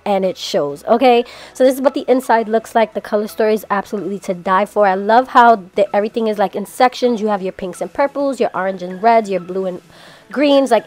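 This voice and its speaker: Congested, chatty woman narrating a makeup tutorial. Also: medium pitch. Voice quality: nasal, congested. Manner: chatty and hyped, slangy asides, addresses viewers as you guys. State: sick with a congested voice. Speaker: beauty channel host. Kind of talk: casual makeup tutorial voiceover.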